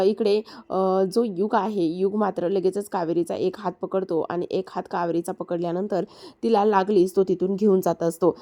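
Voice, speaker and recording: A woman casually retelling a TV serial episode, repeating herself often and pausing with hesitant fillers. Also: mid-range voice, warm tone. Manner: repetitive storytelling with frequent hesitation fillers. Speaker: serial recap narrator.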